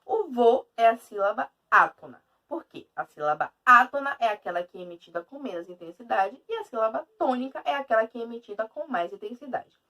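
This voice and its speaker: A woman teacher with a Brazilian Portuguese accent giving a video lesson in an emphatic, lively way. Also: on the high side, brisk, far from the mic.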